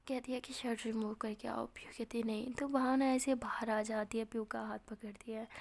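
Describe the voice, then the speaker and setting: A woman with an Indian accent telling a romance story as whispered role-play, voicing both lovers in a soft breathy whisper. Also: a little high.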